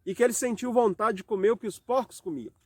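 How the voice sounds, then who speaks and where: A man with a Brazilian Portuguese accent preaching a home worship sermon, reading scripture slowly and posing rhetorical questions. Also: high voice, steady tone, a little mellow, dry recording.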